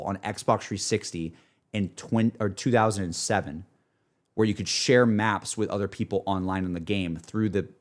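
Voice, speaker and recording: A young adult male streamer chats casually on a livestream, rambling enthusiastically and self-deprecatingly about gaming. His voice is on the low side.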